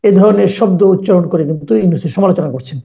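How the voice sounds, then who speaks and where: A man's voice: high-pitched, very fast, vocal fry, mellow. Guy hosting a political talk show, probing questions, dull lo-fi sound.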